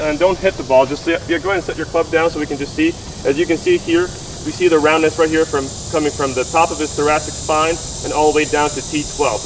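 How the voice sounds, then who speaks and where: Male physical therapist, thirties, explanatory interviewer style, slightly high pitch, faint noise behind. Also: fairly bright tone. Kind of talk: explanatory instructional talk and interviewing. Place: mostly outdoors on a golf course. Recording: distant mic with faint background noise.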